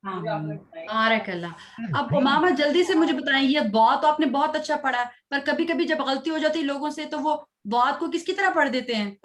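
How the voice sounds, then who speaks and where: A Quran recitation teacher with a slightly high voice for a woman runs a children's tajweed class, slowly stretching out each Arabic syllable for the pupils to repeat. Between recitations she asks brief questions and gives patient encouragement, speaking animatedly over crowd noise.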